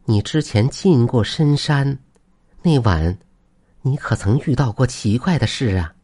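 An earnest village wife in a spoken folk tale presses her husband with heartfelt urging, voiced by a man. He lifts his voice high above his usual register, keeping a husky edge. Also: very animated, normal speed, mellow. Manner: earnest, pleading.

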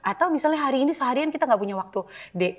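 Lively high-voiced woman giving parenting advice. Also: racing. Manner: explains at length, lively, acts out calm soft-spoken examples. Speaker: podcast guest, parenting content creator. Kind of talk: casual podcast advice.

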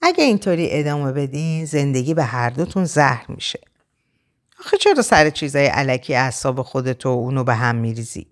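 A blunt young woman friend who teases and gives brisk advice, her voice lifted high and lively, as a woman narrator puts her on. She sounds like a character in a read-aloud novel. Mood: teasing. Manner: brisk, advising.

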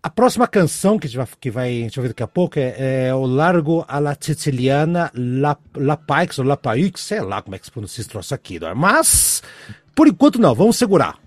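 A man's voice: mid-range voice, big pitch swings, fast talker, dry recording. A man co-hosting a casual podcast chat, telling a story in a rambling way with many fillers. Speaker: podcast host.

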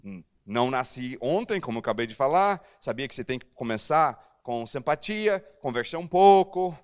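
A man's voice: mid-range voice, normal speed, smooth. A man preaching as pastor, telling a personal story and acting out the dialogue. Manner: animated, acts out dialogue. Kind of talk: storytelling sermon.

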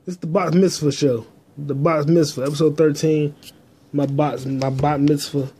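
A man's voice: a little high, steady tone, moderate pace, warm tone, slight background noise. A man hosting a solo podcast, talking in a crude, rambling, profane way into a phone held in his hand. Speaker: podcast host. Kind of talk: casual solo monologue.

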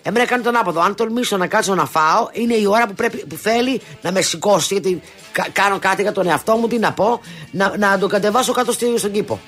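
A woman co-hosting a talk show, telling animated anecdotes in casual chat with many restarts and quoted asides. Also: mid-range voice, soft background music.

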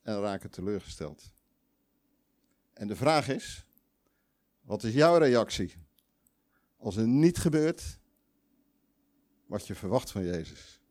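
A man's voice: on the low side, animated, slow pace, long pauses, darkish tone. Emphatic preacher man. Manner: conversational, emphatic, with quoted voices and restarts. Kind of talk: sermon with audience questions.

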